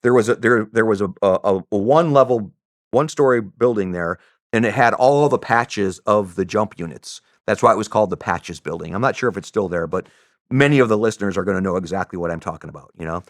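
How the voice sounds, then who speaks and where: Middle-aged man, ex-soldier, podcast guest, lively storyteller, restarts, does voices, dry studio sound. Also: lowish voice, brisk, dry recording. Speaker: former special operations soldier, podcast guest.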